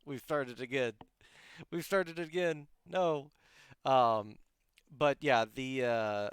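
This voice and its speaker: A man's voice: medium pitch, clean tone, dry recording. A man hosting a casual livestream podcast interview, rambling with many fillers and restarts, his voice a little worn. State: losing his voice. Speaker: podcast host.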